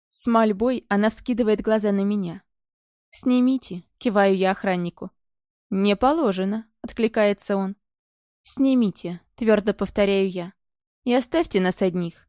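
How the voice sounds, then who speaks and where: A woman narrating a novel in the first person, in a calm, measured, detached way. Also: medium pitch, dry recording, clean studio sound. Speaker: audiobook narrator.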